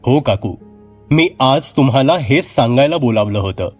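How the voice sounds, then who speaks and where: A man's voice: mid-range voice, expressive, normal speed, breathy edge, faint music behind. A man voicing a frightened, earnest young woman who pleads and raises her voice in distress. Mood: resolute.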